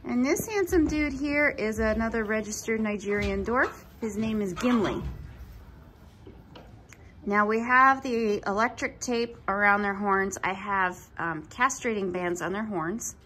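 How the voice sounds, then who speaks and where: A woman's voice: medium pitch, fairly bright tone, slightly rough. Woman, 30s, farm owner, friendly casual tour, phone-recorded. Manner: friendly, unhurried, introducing animals one by one. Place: outdoors and in a barn on a small farm. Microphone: handheld phone camera.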